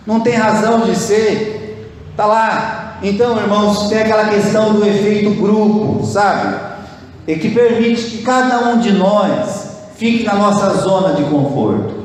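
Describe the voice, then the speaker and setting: A man's voice: high-pitched, a little slow, slight background noise. A Brazilian man preaching a sermon as pastor, talking to the congregation in a conversational way and asking rhetorical questions. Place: church hall. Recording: echoey church hall with long reverb.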